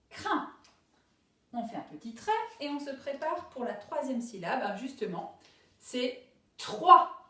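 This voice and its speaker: Slow, careful teacher woman. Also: on the high side, darkish tone, heavy reverb, far from the mic. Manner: slow, careful, stretches out each syllable. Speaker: primary school teacher. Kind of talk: remote dictation lesson for young pupils.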